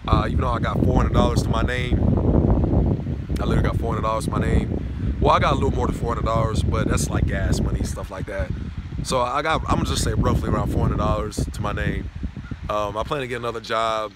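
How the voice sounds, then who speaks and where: Holding his phone at arm's length on a college campus, a young man from Knoxville, Tennessee, rambles and swears freely in a casual vlog rant. He talks fast in a fairly low, steady voice. The outdoor phone audio picks up clear background noise.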